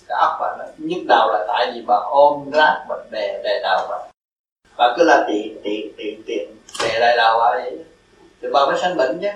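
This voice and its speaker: An older man gives a rambling dharma talk, full of repeated words and rhetorical questions, chuckling as he goes. His voice sits slightly high and comes from some distance in a reverberant room. A faint hiss hangs behind him. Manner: repetitive, rhetorical, folksy; chuckles while teaching. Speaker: Buddhist teacher. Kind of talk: dharma talk answering a follower.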